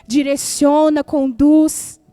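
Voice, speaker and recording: Woman pastor, Brazilian accent, high warm voice, emphatic repetitive sermon delivery. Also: flat delivery, slow pace, dry recording, soft background music. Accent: Brazilian Portuguese. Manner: emphatic, repeats key phrases for effect.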